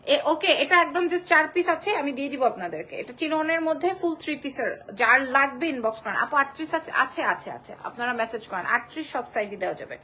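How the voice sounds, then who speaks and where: A woman selling clothes on a live stream from a small shop, repeating prices and sizes in a quick sales patter. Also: high voice, animated, pushed and bright. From Bangladesh. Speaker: online clothing shop seller.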